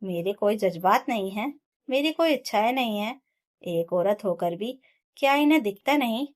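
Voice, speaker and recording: A woman's voice: medium pitch, animated, normal speed, natural voice. Woman reading hurt young wife, emotional, gets worked up. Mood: indignant. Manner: emotional, rising to impassioned protest. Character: young wife, hurt and pleading for her rights.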